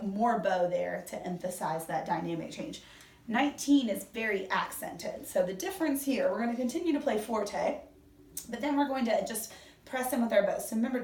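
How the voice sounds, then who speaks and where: A woman's voice: on the high side, darkish tone. Woman teaching violin in an echoey room. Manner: patient step-by-step demonstrating, counting beats aloud. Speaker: orchestra teacher. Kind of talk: instrument lesson. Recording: echoey room, mic at a distance, violin playing.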